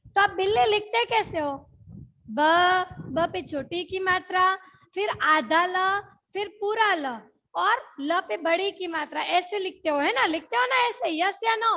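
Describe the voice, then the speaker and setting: A woman's voice: very high-pitched, a bit bright. A young woman with a Gujarati accent teaching an online class, mixing in English words and repeating questions to check that the children follow.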